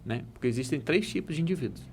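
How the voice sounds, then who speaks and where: Emphatic Brazilian coach telling parables. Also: male voice, a little high, animated, fast talker, slight background noise. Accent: Brazilian Portuguese. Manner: emphatic, preachy, tells parables. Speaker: coach and speaker, podcast guest. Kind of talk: casual chat with storytelling.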